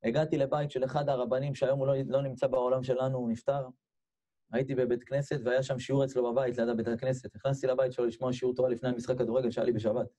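A man giving a storytelling sermon, animated and repeating phrases, with his voice leaping high when he acts out people he quotes. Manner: repeats phrases, addresses listeners directly. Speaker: religious speaker.

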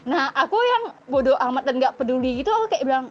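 A high-voiced young woman chatting as a guest, telling a story with energy and playing out the quoted lines herself. Her voice comes through a dull, lo-fi recording with faint music underneath. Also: fast. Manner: lively, laughs often, acts out quoted dialogue. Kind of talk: casual storytelling chat.

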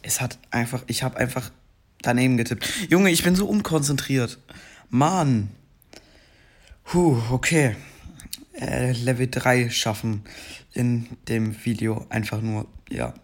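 A young man with a scratchy voice giving casual commentary while playing a game, rambling, then breaking into frustrated outbursts. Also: mid-range voice. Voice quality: scratchy morning voice. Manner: frustrated outbursts between slow chatter. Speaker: gaming video creator.

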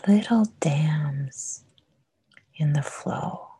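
A woman whispering a guided meditation, soft and soothing with long pauses. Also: deep voice, slightly rough.

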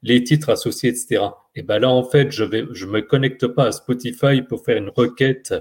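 A man's voice: medium pitch, moderate pace, darkish tone, slightly rough. A man on a tech podcast, patiently explaining concepts with simple analogies. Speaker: podcast co-host. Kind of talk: casual explanatory chat.

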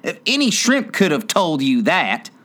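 A man voicing a solemn, impatient male griffin who talks slowly. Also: fairly high pitch, huge pitch swings, bright, forceful tone, pitched above the performer's own voice, exaggerated voice. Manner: slow and solemn.

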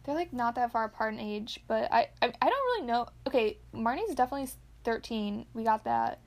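Giggly rambling woman with a gravelly voice. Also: a little high, expressive, a little fast. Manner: giggly, rambling, many fillers and restarts. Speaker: podcast co-host. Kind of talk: casual chat recapping a movie.

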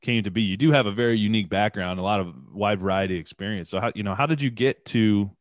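A man's voice: on the low side, fast talker, dry recording, clean studio sound. Man with a radio announcer voice. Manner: upbeat, polished introductions. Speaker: podcast host. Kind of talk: podcast interview.

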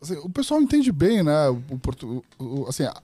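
A man's voice: a little high, big pitch swings, fairly quick, warm tone, husky, no echo. A man from Brazil, a podcast guest, chatting casually in an interview and rambling through many restarts and fillers.

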